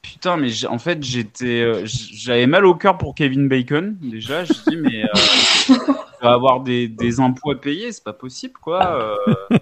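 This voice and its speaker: A man's voice: mid-range voice, very animated, moderate pace, crowd noise. A man, co-hosting a casual film podcast, stammering and blunt in his opinions. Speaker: podcast co-host.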